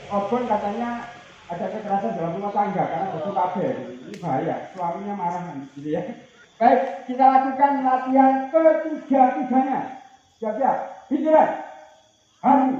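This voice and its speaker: A man's voice: sits high, a little hiss or hum. A man leading group games at a training outing, calling out commands and teasing the group. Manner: shouted commands, joking and teasing. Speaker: outbound training facilitator. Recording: distant, roomy, muffled.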